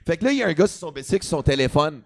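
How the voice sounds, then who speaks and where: A man's voice: fairly high pitch, sing-song, racing, creaky. A young adult man with a Quebec French accent, a comedian telling a story casually, swearing freely and mixing in English. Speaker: comedian guest. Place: podcast studio at a comedy festival.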